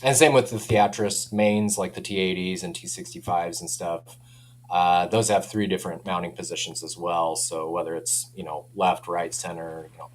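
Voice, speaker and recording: A low-voiced man from a speaker company shows off products in an upbeat, casual demo, speaking informally and chuckling often. He keeps a steady tone at a moderate pace, while a hum and background noise are clearly audible.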